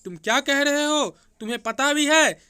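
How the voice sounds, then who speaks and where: A man's voice: very high-pitched, a little slow, clean tone, heavily acted. A man voicing a young married woman, a stern and hurt sister-in-law who scolds sharply in a Hindi storybook tale. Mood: angry, sharp. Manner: sharp, scolding when angry.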